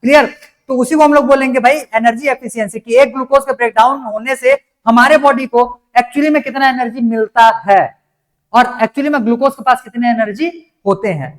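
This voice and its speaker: High-voiced man teaching. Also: a little fast. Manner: explains step by step, keeps asking if it is clear. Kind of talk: classroom lecture.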